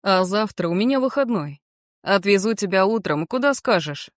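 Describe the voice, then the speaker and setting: A woman's voice: medium pitch, lively intonation, normal speed, dry recording, clean studio sound, lightly acted. A woman reading as an earnest young man. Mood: earnest, warm. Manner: sincere, gently persuasive. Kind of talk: audiobook character reading.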